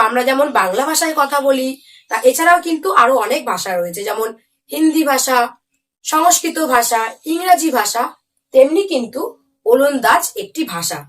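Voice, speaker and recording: Patient female teacher, high voice, spelling lesson for kids, mic set a bit back. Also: sing-song, normal speed, fairly bright tone, distant mic. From India. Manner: patient, spells words letter by letter, asks if understood.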